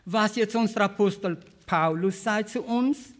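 Earnest preacher with a Swabian accent. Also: male voice, sits high. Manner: slow, earnest, repeats and restarts, clears throat. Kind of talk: sermon.

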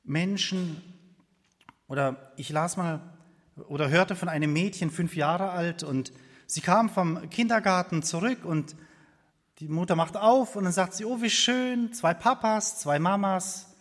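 A man with a high voice preaches a sermon slowly and earnestly, building on repeated phrases and at times sinking almost to a whisper. His words ring out with the long reverb of a church hall.

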